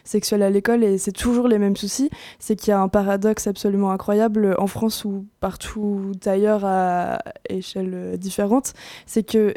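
A woman's voice: mid-range voice, flat delivery, moderate pace, mellow, no room sound, studio quality. A woman who is a regular panelist on a talk show, giving her view casually. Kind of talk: casual discussion.

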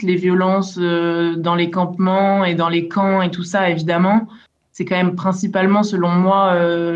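A woman speaks as a radio interview guest, halting and full of fillers and restarts. Her pitch barely moves, keeping a level, even line. The recording is dull and lo-fi. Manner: hesitant, many fillers and restarts.

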